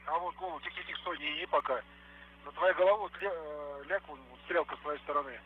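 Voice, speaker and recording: A man, a cosmonaut on a spacewalk, trading clipped, quick working commands over a space-to-ground radio link. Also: fairly high pitch. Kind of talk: terse radio exchanges during work. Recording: tinny, noisy radio downlink.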